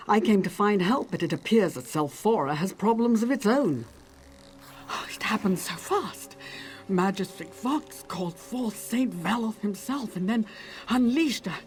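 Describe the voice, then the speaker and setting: A woman's voice: mid-range voice, slight background noise, close to an everyday voice. Woman acting a distressed, pious fantasy messenger. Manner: earnest, troubled, dramatic. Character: distressed, pious female messenger seeking help. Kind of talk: video game character acting.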